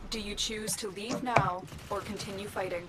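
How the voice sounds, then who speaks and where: A woman voicing a video game announcer who reads prompts in a flat, formal way. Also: medium pitch, moderate pace, over music, lightly acted. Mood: calm.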